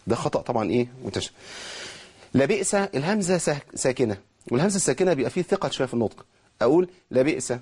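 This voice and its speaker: A man with an Egyptian accent teaching Quran recitation rules, explaining quickly and slowing down to model drawn-out words. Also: mid-range voice, lively intonation, a little mellow, slightly rough. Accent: Egyptian Arabic. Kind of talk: tajweed lesson, explaining and demonstrating.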